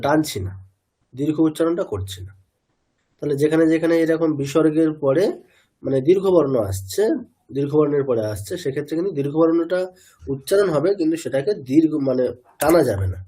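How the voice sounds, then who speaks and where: A male teacher, teaching an online chanting class over a video call, patiently checking that students follow and modelling each pronunciation slowly. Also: on the high side, dark tone, breathy edge. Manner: patient, keeps checking understanding with tag questions.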